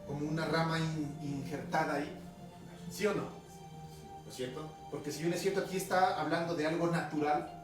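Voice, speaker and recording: Male Ecuadorian pastor, highland accent, conversational sermon, somewhat high voice, recorded off-mic in a reverberant hall. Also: little pitch movement, normal speed. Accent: Ecuadorian highland Spanish. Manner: conversational preaching, reading scripture aloud, frequent tag questions. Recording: echoey room from a distance, music behind.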